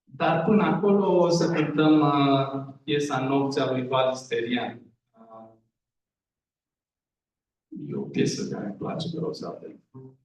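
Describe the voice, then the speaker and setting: A man's voice: mid-range voice, steady tone. A man from a band introducing songs to an audience, earnest and a little hesitant. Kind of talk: informal stage talk to an audience. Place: large echoey hall. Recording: echoey hall from far off.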